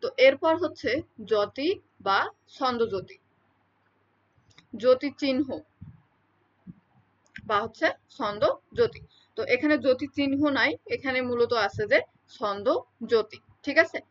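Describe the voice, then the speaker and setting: A woman's voice: high-pitched, slow, pauses often. A woman teaching a lesson in an explanatory lecture style, speaking, repeating key terms and checking in with her listeners often. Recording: dull lo-fi recording.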